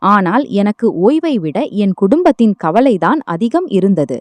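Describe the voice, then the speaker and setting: Dark, lively-voiced woman narrating a story. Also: medium pitch, moderate pace, dry recording. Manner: emotional first-person family story, evenly read.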